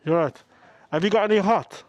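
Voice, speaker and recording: A man's voice: high-pitched, a little fast, dry recording, lo-fi sound. A British man chatting casually and slangily to viewers on a helmet mic while out on a motorcycle, often musing aloud to himself. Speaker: motovlogger. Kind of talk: casual vlog chat, talking to viewers while riding. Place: outdoors on a motorcycle in town. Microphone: microphone inside a motorcycle helmet. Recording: helmet mic with traffic and engine noise.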